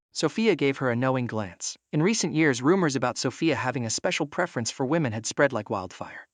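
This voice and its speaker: A man's voice: mid-range voice, no room sound. A man narrating a drama story recap in a breezy, casual, second-person style.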